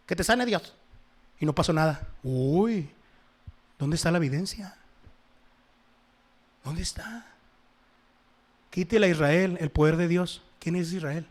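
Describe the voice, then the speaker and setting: A man preaching a sermon to his congregation, swinging between loud exhortation and soft asides. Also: fairly high pitch, moderate pace, long pauses. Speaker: pastor.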